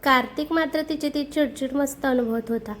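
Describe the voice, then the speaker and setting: A woman narrating a romantic family story in a steady, expressive reading voice. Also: sits high, normal speed, slight background noise. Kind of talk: scripted narration.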